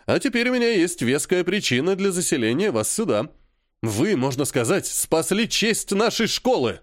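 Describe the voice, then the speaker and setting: A man's voice: high voice, very animated, moderate pace, dry recording, studio quality, pitched above the performer's own voice. A man reading aloud and voicing a formal, ingratiating older school director. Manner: formal, fawning.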